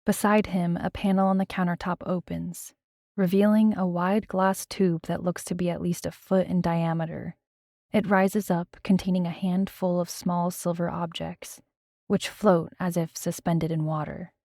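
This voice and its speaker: A woman with a fairly low voice reads a first-person audiobook, and her telling is tense and dramatic. The recording is dry and close to the mic, with no room sound at all. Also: flat delivery, normal speed, mellow, no echo. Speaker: audiobook narrator.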